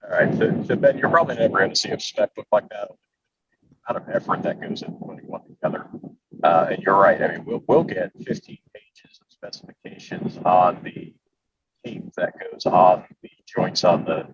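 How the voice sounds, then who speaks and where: A low-pitched man joins a panel discussion over a conference call. His audio is distant and dull, with clear line noise underneath, and he explains with a swinging, animated pitch and wry remarks. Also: moderate pace. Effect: heard over a conference call line. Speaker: commercial builder on a panel.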